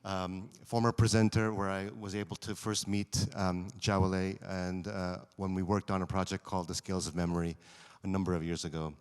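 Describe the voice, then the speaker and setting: A man with a fairly low voice makes reflective opening remarks from a theater stage, stopping now and then on um and uh. A long reverb from the hall follows his words. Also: little pitch movement, fairly quick, smooth. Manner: reflective, with frequent um and uh. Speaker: foundation program director, panel moderator. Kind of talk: onstage panel remarks.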